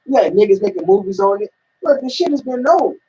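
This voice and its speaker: A man reads scripture and preaches to his friends in a casual, profane, slangy way. His voice is deeply husky and dark, and it swings widely in pitch. The recording sounds dull and lo-fi. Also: sing-song, brisk, far from the mic. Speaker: scripture reader leading the discussion. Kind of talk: casual religious discussion.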